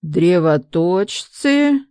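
Woman voicing a blustering, yelling male guest. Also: fairly low pitch, measured pace, dry recording, studio quality, lightly acted. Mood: indignant yelling. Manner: blustering, shouting, threatening. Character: loud indignant middle-aged male resort guest.

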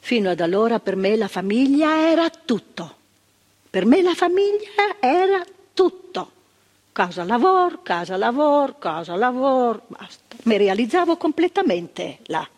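In a theatrical monologue on a stage, an older actress plays an earnest psychiatric worker recalling the past. Her fairly high, sing-song voice is a little slow and mellow, reflective and searching, repeating words for weight. The performance rings with long hall reverb.

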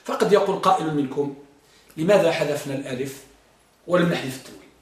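A man teaching a grammar lesson to a class, quizzing students and repeating examples slowly and with emphasis. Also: fairly high pitch. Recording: echoey room from far off.

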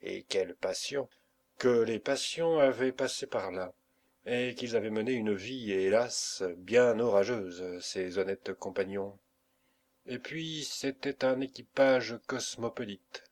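A man narrating a classic novel as a volunteer audiobook reader, with measured, dramatic phrasing. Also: fairly low pitch, a little mellow.

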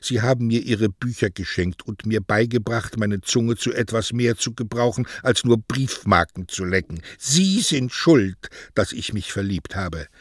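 A young, lovesick postman pleading his case with earnest emotion, as a male reader puts him on. His voice sits low and sounds dry and close. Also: measured pace, few pauses, no room sound.

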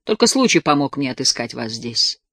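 A man reading the lines of an ingratiating, persuasive wealthy young gentleman in an audiobook. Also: mid-range voice, sing-song, fairly quick, no room sound, studio quality, pitched below the performer's own voice. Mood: coaxing.

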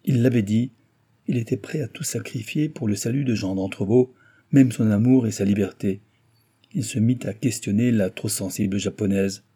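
A man narrating a novel aloud in a measured storytelling manner. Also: fairly low pitch, warm tone, slightly rough. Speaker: audiobook narrator. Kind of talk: scripted narration.

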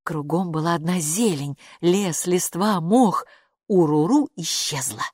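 A woman narrating a children's storybook with expressive, lively delivery. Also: lowish voice, measured pace, slightly rough, no echo, studio quality. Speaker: audiobook narrator.

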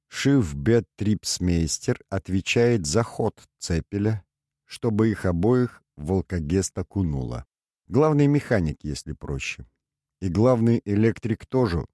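A man's voice: low voice, warm tone, no echo, clean studio sound. A man voicing a cheerful, mocking male astrologer in an audiobook, teasing and amused.

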